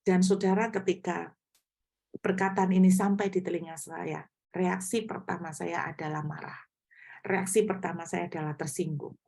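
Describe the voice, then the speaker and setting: A woman's voice: on the low side, creaky, warm tone. A middle-aged woman pastor giving a conversational sermon, often asking the congregation questions.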